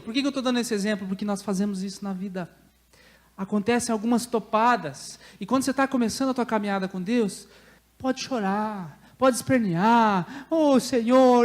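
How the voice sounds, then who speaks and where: A Brazilian man preaching a Sunday sermon as pastor, swinging between loud pleading voices and quiet stern ones. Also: high-pitched. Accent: Brazilian Portuguese. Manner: dramatic voice swings, acting out whiny pleas and stern replies. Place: church service.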